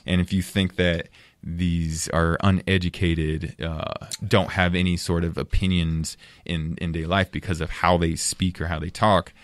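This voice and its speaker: Deep-voiced man, dry and passionate. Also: little pitch movement, unhurried, dry recording. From United States. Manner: passionate, repeats words when thinking. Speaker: podcast guest. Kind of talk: casual discussion.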